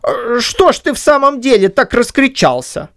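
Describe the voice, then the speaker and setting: A woman's voice: a little high, big pitch swings, normal speed, pitched above the performer's own voice. A woman voicing a stubborn, grumbling older Cossack man in an audiobook reading, with a whiny, indignant manner. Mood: wheedling. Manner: whiny, indignant, muttering to himself. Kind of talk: audiobook reading of a classic story.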